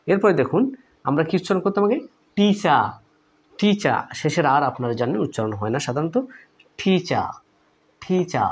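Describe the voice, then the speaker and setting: A man with a Bangladeshi Bengali accent gives an English pronunciation lesson in a slightly high voice. He repeats each example word again and again with heavy stress and asks the viewer questions. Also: husky.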